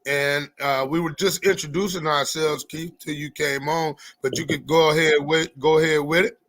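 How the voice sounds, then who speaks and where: A man's voice: on the high side, fairly even intonation, moderate pace, fairly bright tone. A man hosting a live podcast over a video call, greeting guests and repeating his phrases. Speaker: podcast host. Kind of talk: casual live-stream chat.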